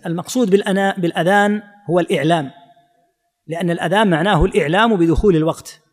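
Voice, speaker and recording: A man giving a religious lesson, demonstrating each phrase by slowly drawing out its vowels. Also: sits high, in a large hall. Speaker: Islamic scholar teaching.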